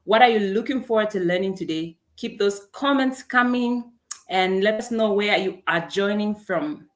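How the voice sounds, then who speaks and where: A young woman from Zambia, speaking at normal speed in a mid-range voice, hosts an online career event live over video. She greets attendees warmly by name, reading them from the chat with an upbeat tone.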